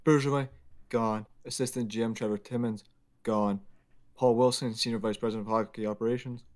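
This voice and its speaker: A man's voice: mid-range voice, steady tone, a little fast, darkish tone. A young man from Quebec co-hosting a sports podcast, opinionated and emphatic, with joking rants. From Quebec, Canada. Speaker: podcast co-host. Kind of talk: casual sports podcast chat.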